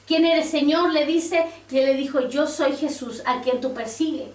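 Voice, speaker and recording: A woman pastor preaches a sermon with a high, ringing voice. She reads scripture aloud and turns to the congregation with questions. The recording is roomy and distant, as if caught from across a church. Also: moderate pace.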